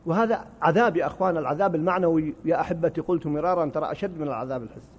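A man's voice: a little high, very fast. A man preaching a sermon, impassioned, his voice rising and falling, sometimes stumbling over and repeating words. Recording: muffled hall recording with reverb.

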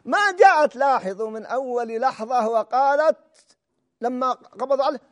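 High-voiced, animated preacher. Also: male voice, moderate pace. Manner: emphatic, swings from loud exclamations to hushed asides. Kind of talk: sermon.

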